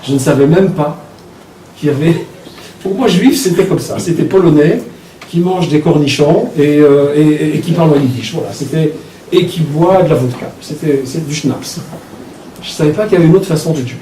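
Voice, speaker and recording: A man in his sixties from Belgium, an author recounting his childhood in a reflective, halting way. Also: on the high side, dark tone, a little hiss or hum. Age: 60s. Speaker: author talking about his book. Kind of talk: personal storytelling talk. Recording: echoey room from a distance.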